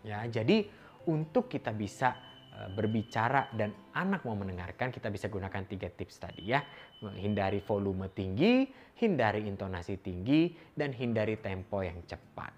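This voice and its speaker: Man with a lively, animated delivery. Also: lowish voice, moderate pace, lo-fi sound, soft background music. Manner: explains patiently, demonstrating tones of voice. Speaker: parenting educator. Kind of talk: instructional talk to camera.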